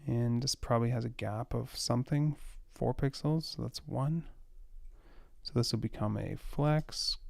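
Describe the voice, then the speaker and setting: A man's voice: medium pitch, a little slow, vocal fry, darkish tone, no room sound, studio quality. A man casually thinking aloud as he writes code, rambling with fillers and exasperated laughs. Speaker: web developer coding on a live stream.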